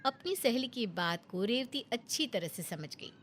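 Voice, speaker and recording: Higher-voiced woman narrating a storybook. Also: lively intonation, normal speed, noisy background.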